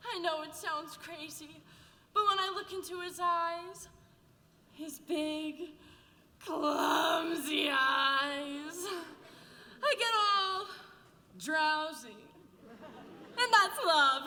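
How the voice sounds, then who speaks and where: A woman's voice: very high-pitched, animated, drawn-out words, pauses often, sharp tone, a little hiss or hum, heavily acted. A woman playing a dramatic, swooning young bride in a stage musical, with a theatrical manner. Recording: echoey hall with music, from afar.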